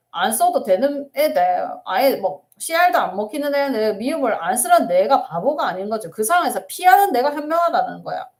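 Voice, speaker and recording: A woman's voice: high voice, darkish tone. A middle-aged woman counselor answering viewer questions in an earnest, emphatic live-stream talk. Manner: earnest, emphatic, laughs and tears up while sharing.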